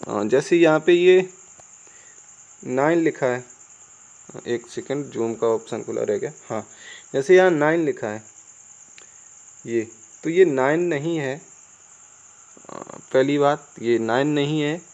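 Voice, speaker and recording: An Indian man teaching English spelling in Hindi. He talks casually, spells words out letter by letter and keeps asking the viewers whether it is clear. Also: medium pitch, slow, pauses often, darkish tone, lo-fi sound. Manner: chatty, asks the viewers "clear?" often. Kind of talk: casual Hindi classroom explanation.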